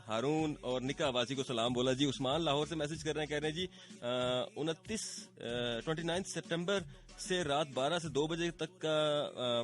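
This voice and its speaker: A man's voice: mid-range voice, a bit bright. Playful Pakistani radio host man. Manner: chatty, playful, teasing. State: slightly sore throat. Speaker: radio host reading listener messages. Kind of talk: late-night radio chat. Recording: radio broadcast with faint music bed.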